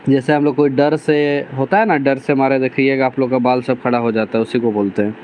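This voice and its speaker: A man's voice: medium pitch, steady tone, a little fast, lo-fi sound, slight background noise. A man, teaching a class by reading lines from a novel and explaining each one in plain words. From Jharkhand, India. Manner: reads dialect lines aloud, then restates them plainly with many 'theek hai' fillers.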